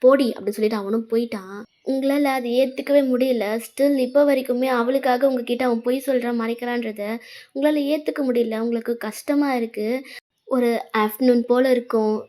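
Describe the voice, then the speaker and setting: A woman's voice: a little high, fairly even intonation, a little fast, dark tone. Woman narrating fan fiction to the listener. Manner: addresses the listener as the heroine. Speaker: storyteller.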